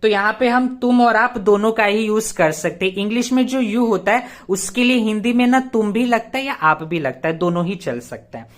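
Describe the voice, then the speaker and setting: A man's voice: high voice, normal speed, hardly any pauses. A man teaching English grammar in a casual, explanatory way, often checking whether the viewer follows and asking rhetorical questions. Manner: spells English words out letter by letter. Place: teaching at a board he writes on.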